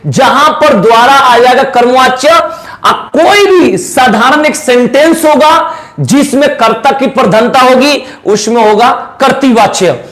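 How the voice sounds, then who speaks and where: Man, very high voice, grammar teacher, quizzes students, repeats answers, slow examples. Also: fairly bright tone. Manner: repeats key answers as quiz questions to students; spells out example sentences slowly. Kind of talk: exam-prep grammar lesson.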